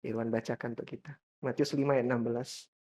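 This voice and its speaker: Male pastor, lively sermon delivery with high emphatic peaks, mid-range voice. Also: quick pace. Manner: lively, rising to high emphatic peaks, addressing the congregation often.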